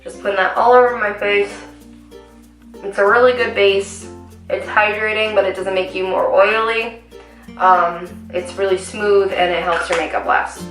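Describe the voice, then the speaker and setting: Medium in pitch and a bit bright, this young woman's raspy voice keeps a fairly even intonation at a measured pace. As a beauty vlogger, she rambles through a casual makeup tutorial, full of ums and asides. She sits far from the mic in a small home room, with roomy echo and faint background music.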